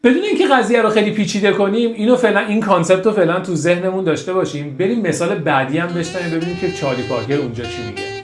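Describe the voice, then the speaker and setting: A man's voice: sits high, few pauses. A man giving a casual music theory lesson, enthusiastic and singing short phrases to show them. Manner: enthusiastic, sings phrases to demonstrate. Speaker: music teacher. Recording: echoey room with guitar music.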